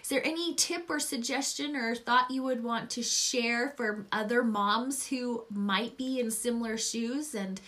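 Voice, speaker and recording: A middle-aged woman hosting a conversational faith-based interview, encouraging and effusive, rambling gently as she goes. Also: fairly high pitch, measured pace, few pauses. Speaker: podcast host and program coach.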